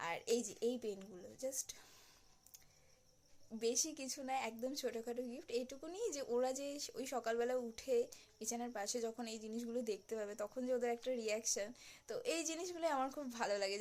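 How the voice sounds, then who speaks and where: Young woman vlogger, hushed late-night chat into a phone at home, a little high-pitched. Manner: hushed, soft-spoken to avoid being overheard.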